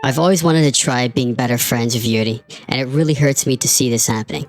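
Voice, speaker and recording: A woman reading the lines of a prickly teenage girl who is worried about a friend, in a plain, unhurried voice. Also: very deep voice, soft background music, rough recording. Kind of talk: reading game dialogue aloud.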